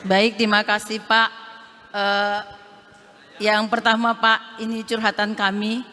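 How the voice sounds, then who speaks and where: A woman's voice: mid-range voice, completely flat delivery, a little slow, bright, forceful tone. A woman from Aceh, head of a regional social services office, making a formal, pleading appeal at a national meeting and addressing the official again and again. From Aceh, Indonesia. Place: large conference hall. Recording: reverberant hall.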